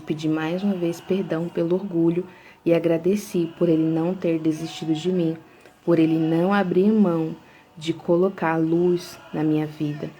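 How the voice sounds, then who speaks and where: A woman's voice: sits low, warm tone, slight background noise. A woman hosting a casual devotional talk, chatty and full of storytelling asides. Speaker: devotional host.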